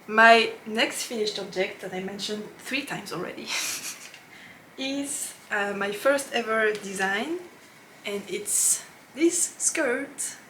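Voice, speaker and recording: Chatting casually to camera, a French-accented woman who hosts a knitting podcast speaks in a mid-range, slightly bright voice. Slight background noise is present. She laughs often and uses fillers as she looks for the right English words.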